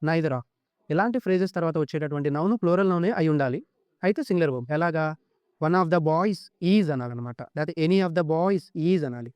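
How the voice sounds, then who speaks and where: Telugu-accented man teaching grammar, crisp dry voice. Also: on the high side, darkish tone, no room sound. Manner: mixes Telugu explanation with slow, deliberately spoken English rules. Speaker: English teacher. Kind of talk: exam-prep grammar lesson.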